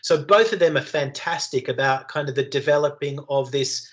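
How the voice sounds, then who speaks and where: A man's voice: fairly high pitch, normal speed, a bit bright, highs cut off. An Australian man teaching an online class over a video call, talking in rambling runs full of fillers, restarts and long chains of adjectives. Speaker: lecturer.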